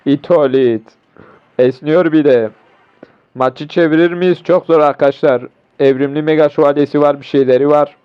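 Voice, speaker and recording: Hoarse, excitable young man gaming. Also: on the high side, normal speed. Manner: excitable, swearing, talks to viewers mid-match. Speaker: gaming YouTuber. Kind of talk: live mobile game commentary. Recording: dull lo-fi recording.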